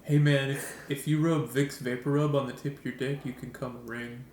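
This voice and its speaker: A man's voice: mid-range voice, fairly even intonation, fairly quick, slight background noise. Young man riffing crude jokes, roomy. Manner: loose, riffing, swings between loud bursts and mumbled asides. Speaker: podcast co-host. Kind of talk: crude comedic banter. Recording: roomy home recording.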